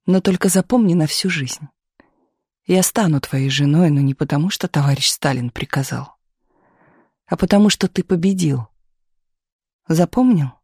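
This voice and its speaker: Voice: mid-range voice, moderate pace, darkish tone, breathy edge, no room sound, clean studio sound. A reader voicing a confident, teasing young actress in an audiobook. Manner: teasing, self-assured. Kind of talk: audiobook character voice.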